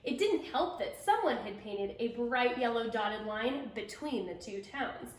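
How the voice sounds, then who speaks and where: Her voice is on the high side with lively intonation, and she reads at a measured pace. This woman shares a children's picture book expressively and emphatically, with asides to young listeners, recorded in an echoey space.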